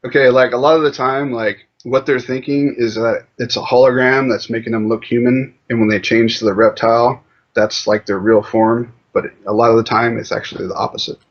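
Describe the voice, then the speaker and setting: A man's voice: mid-range voice, level tone, fairly quick. A man being interviewed, talking in a loose, rambling way with lots of fillers. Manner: loose, rambling, heavy on fillers like "you know". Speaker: interview guest. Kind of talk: casual conversational interview. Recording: muffled lo-fi audio.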